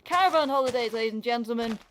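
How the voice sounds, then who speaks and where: A woman's voice: fairly high pitch, lively intonation, fast talker. A British woman chatting casually while gaming, in a rambling way with frequent stammered restarts. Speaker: gaming streamer. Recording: music behind the voice.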